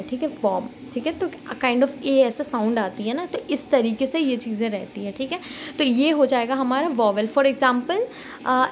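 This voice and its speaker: A woman with a high voice explains poetry sound patterns as an exam tutor. Her talk is loose and chatty, full of repeated "okay"s, with English terms dropped into Hindi. A faint hiss of background noise sits under the voice. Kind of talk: casual explanatory lecture.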